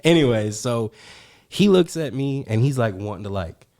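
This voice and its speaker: Dude on a podcast telling a wild story, lots of slang and swearing, super animated. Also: male voice, medium pitch, normal speed. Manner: animated, profane, slangy, says "bro" often. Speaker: podcast co-host. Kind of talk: casual storytelling.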